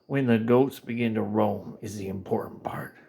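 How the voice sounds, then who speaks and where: A man's voice: on the low side, moderate pace, gravelly, dark tone, slightly rough. A man doing a cranky old country grandpa. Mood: gruff. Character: cranky old rural grandpa-uncle, gruff and folksy.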